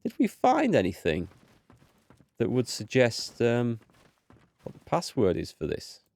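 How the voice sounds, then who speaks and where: Still getting over a cold, this let's play host sounds slightly blocked and stuffy as he casually muses about his game and reads out on-screen text. His mid-range voice is gravelly and a little mellow, swinging hugely in pitch at a measured pace. There's no room sound.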